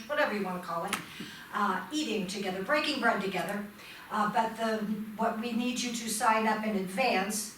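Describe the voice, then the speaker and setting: A woman's voice: mid-range voice, fairly bright tone, a little hiss or hum. A woman from the church board making an announcement, chatty and correcting herself as she goes. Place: church sanctuary. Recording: echoey hall mic from far off.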